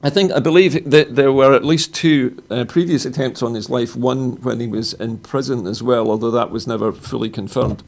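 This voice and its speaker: A man's voice: medium pitch, normal speed, vocal fry, few pauses, a little mellow. Scottish male news presenter. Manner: reads bulletin text with small slips and corrections.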